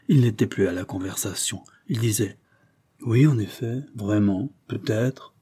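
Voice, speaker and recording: Low husky male audiobook narrator. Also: mellow. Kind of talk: audiobook reading of a classic novel.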